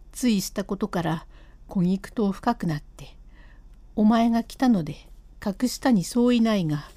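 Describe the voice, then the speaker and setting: A woman's voice: dark tone, dry recording. A woman voicing an older male master painter who keeps apologizing yet refuses to give in, in a storybook reading of a classic comic tale. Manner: lowered voice, pleading and firm by turns.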